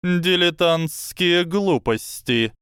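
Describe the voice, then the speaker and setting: Sardonic scheming snake, read by a male narrator: hissing, mocking, raised and slow. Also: high-pitched, lively intonation, a bit bright, clear, resonant tone, no echo, clean studio sound, voice pushed up, heavily acted.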